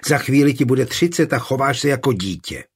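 A stern older mother, read by a man, firm and scolding, steady rather than shrill. The husky reader's voice gives her an edge of weariness in a storybook telling.

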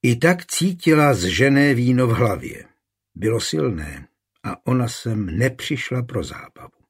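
Chraplavý vypravěč audioknihy. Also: male voice, mid-range voice, sing-song, slightly rough. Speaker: narrator. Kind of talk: audiobook narration.

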